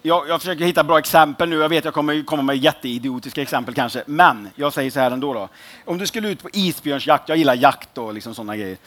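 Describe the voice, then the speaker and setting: A man's voice: a little high, a bit bright. A young man preaching a casual, joking sermon, informal and rambling with fillers. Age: young adult.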